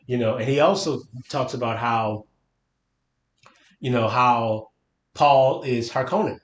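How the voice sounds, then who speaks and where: A man's voice: mid-range voice, slow. A man co-hosting a podcast, chatting casually about a book and searching for his words as he thinks aloud. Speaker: podcast co-host. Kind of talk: casual book-discussion chat. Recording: roomy echo.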